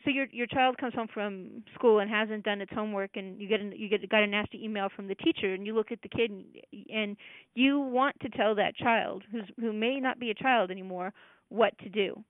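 A woman's voice: medium pitch, fairly quick, no echo. A woman presenting a casual talk, explaining ideas conversationally and acting out parent and child voices in quotes. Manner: conversational, with many fillers and restarts. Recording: dry, tinny phone-like audio.

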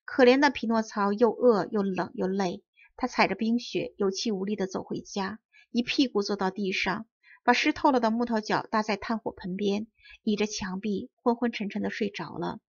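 Clear-voiced woman reading a children's tale. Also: mid-range voice, moderate pace, no echo, muffled recording. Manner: clear, well-enunciated. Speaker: storybook reader. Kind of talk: expressive children's story narration.

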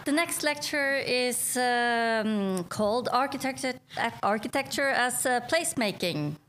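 A woman's voice: a little high, lively intonation, a little slow, fairly bright tone. A woman moderator formally introducing a speaker at a seminar. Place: indoor seminar room. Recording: faint room noise.

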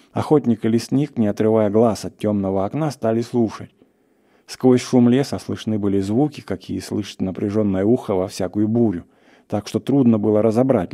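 A man narrating a classic short story in a steady, measured storytelling manner. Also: on the low side. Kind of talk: literary reading of a classic story.

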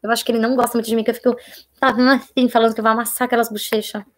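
Chatty husky Brazilian young woman. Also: a little high, little pitch movement, racing. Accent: Brazilian Portuguese. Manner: chatty, reads viewer comments aloud, drops to a hushed voice for private topics. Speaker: live-stream host answering viewer questions. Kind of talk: casual live Q&A chat.

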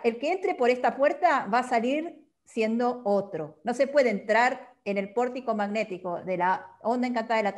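A woman's voice: a little high, darkish tone. A woman, explaining patiently as a guest and often closing a point with a questioning tag. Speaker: guest teacher. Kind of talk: explanatory talk on a calendar system.

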